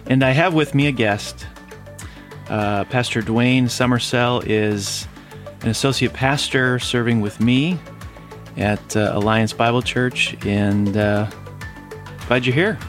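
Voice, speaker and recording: A man hosting a podcast as a pastor, interviewing a guest with a halting, filler-heavy way of talking. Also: mid-range voice, faint music behind. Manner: halting, many fillers and restarts. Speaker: host and lead pastor.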